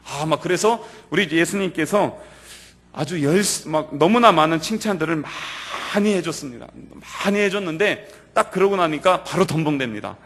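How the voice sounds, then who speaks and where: Man, pastor, youth sermon, slightly high voice, lively storytelling, loud and soft swings. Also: normal speed. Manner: animated storytelling that acts out quoted lines. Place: church sanctuary.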